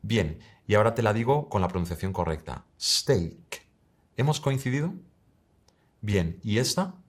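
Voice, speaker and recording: Low-voiced male English teacher. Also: expressive, normal speed, a little mellow. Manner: direct, addresses the listener, models English words. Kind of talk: scripted online lesson.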